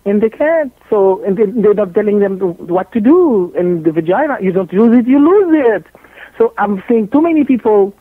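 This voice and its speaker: Her pitch is medium but swings widely as this gynecologist from Haiti, French-accented, answers a radio interviewer at a moderate pace. She's animated, blunt and joking, repeating points to drive them home, heard over a dry, tinny, phone-like line.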